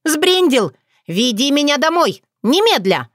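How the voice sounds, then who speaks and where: A woman's voice: big pitch swings, a little slow, dry recording, clean studio sound. Woman doing a feisty, hot-tempered young girl. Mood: furious. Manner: shrill indignant outbursts.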